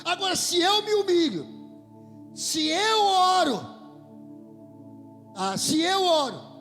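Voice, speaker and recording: High-voiced fervent Brazilian preacher. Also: male voice, lively intonation, slow pace, faint music behind. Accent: Brazilian Portuguese. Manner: fervent, swells to shouts and drops to near whispers. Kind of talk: sermon. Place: church hall. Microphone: handheld microphone.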